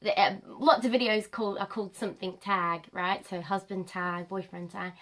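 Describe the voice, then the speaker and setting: A woman in her late twenties, nasal from a cold, chatting to camera as a vlogger, rambling with many pauses and ums. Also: medium pitch, steady tone, fairly bright tone. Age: late 20s. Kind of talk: casual chat to camera.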